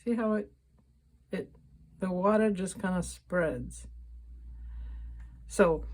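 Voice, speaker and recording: A woman giving a casual, unscripted painting tutorial, thinking aloud in a halting way and often rephrasing mid-sentence. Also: on the low side, darkish tone, breathy edge. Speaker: painting instructor and vlogger.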